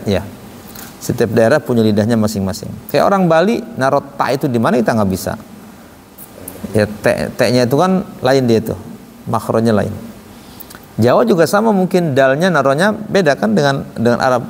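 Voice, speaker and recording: A man's voice: mid-range voice, vocal fry, darkish tone, a little hiss or hum. Male Quran teacher in a reverberant hall. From Indonesia. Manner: demonstrates sounds, explains patiently, leads group drills. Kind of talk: classroom lesson on Arabic letter pronunciation. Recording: long reverb, faint ambience.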